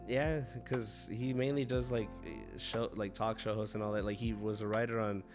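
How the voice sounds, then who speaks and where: A young man with a lowish voice talks easily, laughing often and dropping casual swears. He speaks from home, with soft music faint in the background. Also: flat delivery, normal speed. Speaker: guest. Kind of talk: casual chat on a livestream.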